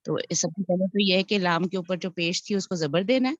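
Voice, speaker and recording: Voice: medium pitch, no echo, highs cut off. A student in an online class explaining a grammar point step by step after a few restarts. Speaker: student participant. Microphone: video call.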